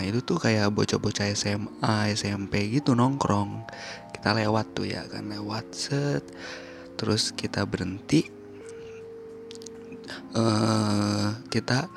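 A man tells a story as a caller, chatty and lively, acting out the shouts. His voice has a gravelly, creaky edge. Music plays clearly behind him. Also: lowish voice. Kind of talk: casual storytelling. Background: music playing.

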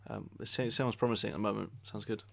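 A man's voice: on the low side, steady tone, quick pace, creaky, crowd noise. A man hosting a podcast in a casual, jokey, rambling and hesitant way. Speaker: podcast host. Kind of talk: casual chat interview.

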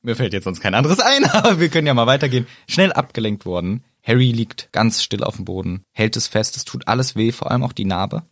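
A man co-hosting a casual book podcast, chatty and quick to laugh. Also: medium pitch, animated, fairly bright tone, dry recording, clean studio sound. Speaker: podcast co-host.

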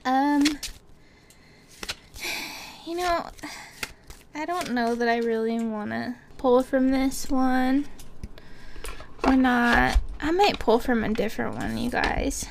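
A woman's voice: high voice, slow, vocal fry, pauses often, background noise. A woman in her twenties hosting a casual podcast chat, laughing often and saying "like" a lot. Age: 20s. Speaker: podcast host.

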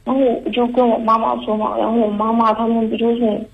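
A young woman calls in to a talk show and talks in a halting, anxious way, restarting her sentences again and again. Her voice stays flat and even. The sound is dull and lo-fi, as over a phone line. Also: fairly high pitch, creaky. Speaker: caller. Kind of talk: call-in confession.

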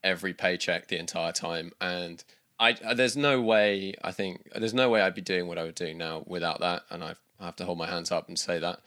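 A man's voice: low-pitched, brisk, sharp tone. A man from the UK in his thirties, chatting casually as a guest, rambling with many restarts and fillers. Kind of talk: casual interview chat.

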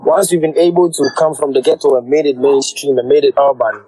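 A man from Ghana, a dancehall artist, answering interview questions in a relaxed, agreeable way. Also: mid-range voice, brisk, slightly rough, poor audio. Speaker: reggae dancehall artist, guest. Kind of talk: casual interview chat.

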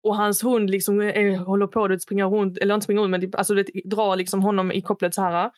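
With a medium-pitched, slightly mellow voice and flat delivery, a young female podcast co-host animatedly retells a story in casual conversation. She raises her voice to act out quotes and mixes in English phrases. The recording is dry.

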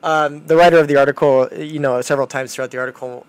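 Casual male podcast host, halting delivery. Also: on the high side, fairly even intonation, clear, resonant tone, no echo. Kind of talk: casual talk and commentary.

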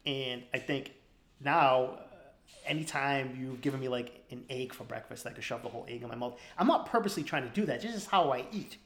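A man's voice: mid-range voice, fairly quick, a bit bright. A man hosting a podcast in casual chat, rambling and laughing often. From East Boston. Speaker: podcast host. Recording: roomy echo.

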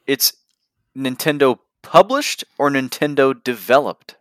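A man's voice: medium pitch, animated, measured pace, a bit bright, no room sound, clean studio sound. A man co-hosting a casual gaming podcast, eager and building up to a story of his own.

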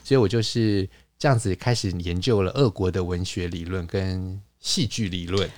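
Male podcast host, lowish voice, patient lecturer, dry close sound. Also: fairly even intonation, normal speed, a little mellow, no echo. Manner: explanatory, lecturing with fillers and restarts. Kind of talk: casual conversational podcast.

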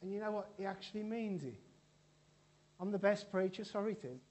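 A man delivers a loose, conversational sermon, joking with the congregation and stumbling through restarts. His voice sits a little high for a man but sounds mellow and warm. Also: lively intonation, normal speed. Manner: chatty and joking, with frequent restarts. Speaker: preacher. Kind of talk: informal church sermon.

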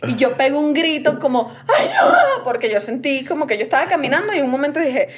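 A woman co-hosting a casual podcast chat, telling stories with lively acted-out quotes. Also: high voice, fast talker, crowd noise. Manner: animated storytelling with acted-out quotes. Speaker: podcast co-host.

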